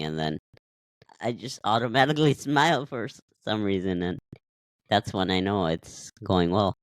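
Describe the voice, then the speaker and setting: A man's voice: low-pitched, clean tone, no room sound. A man from Nepal hosting a casual interview, friendly, laughing often and hesitating as he speaks. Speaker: podcast host.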